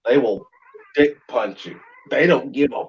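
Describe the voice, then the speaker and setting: A man's voice: mid-range voice, unhurried. Blunt, crude-talking man on a dull stream. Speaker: livestream host. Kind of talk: rambling casual chat. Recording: dull lo-fi sound.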